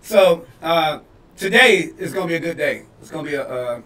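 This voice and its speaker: Bright-voiced joking man in a roomy echo. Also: a little high, lively intonation, moderate pace. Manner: loose, joking, laughs often, rambling restarts. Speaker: podcast co-host. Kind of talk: casual comedy podcast banter. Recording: roomy echo, mic a bit far off.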